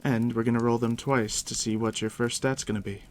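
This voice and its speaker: Speaking softly as a game master, a man walks the listener through tabletop game rules in an ASMR roleplay. His mid-range voice is hushed and gravelly, his pace relaxed and conversational, and he addresses you directly. A fire crackles amid steady background noise.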